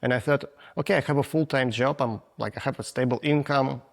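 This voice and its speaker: Speaking in a gravelly voice of medium pitch and a steady tone, a Russian-accented photographer in his forties answers interview questions casually. He's frank, and his non-native English comes out halting, with restarts.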